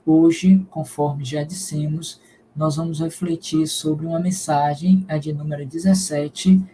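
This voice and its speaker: A man from Salvador, Bahia, giving a spiritist lecture and leading a prayer in a slow, solemn, measured way. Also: fairly high pitch, steady tone, mellow, slight background noise, low-quality recording. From Salvador, Bahia, Brazil. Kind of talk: devotional lecture and prayer in a live stream.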